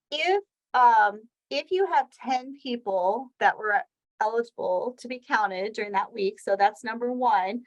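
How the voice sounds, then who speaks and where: This weekly healthcare training session is led by a woman whose voice sits on the high side. She explains each slide in turn in a chatty way, using examples, though the recording is rough.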